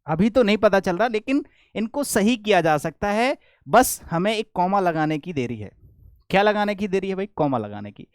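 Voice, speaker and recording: High-voiced Indian man teaching grammar. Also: expressive, moderate pace, smooth, dry recording, studio quality. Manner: explains step by step, repeats questions back to the class. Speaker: English teacher. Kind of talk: classroom grammar lesson.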